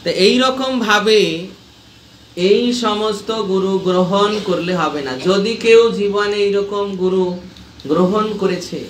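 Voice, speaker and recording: A man's voice: high voice, a little slow, a little hiss or hum. A man teaching a scripture class, explaining patiently, repeating key points and checking that his listeners understand. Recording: echoey room with faint ambience.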